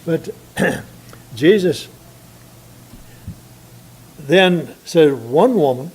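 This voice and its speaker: Mellow-voiced American preacher man. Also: fairly high pitch, lively intonation, breathy edge, rough recording. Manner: deliberate, slows for emphasis, reads scripture aloud. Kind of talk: sermon.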